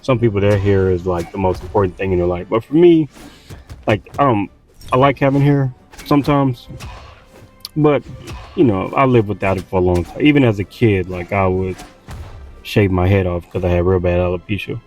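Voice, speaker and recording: A man's voice: deep voice, normal speed, a little mellow, soft background music. A man from Texas with a Southern accent, tired from little sleep, rambling casually with lots of fillers and restarts while playing a game. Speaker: gaming streamer.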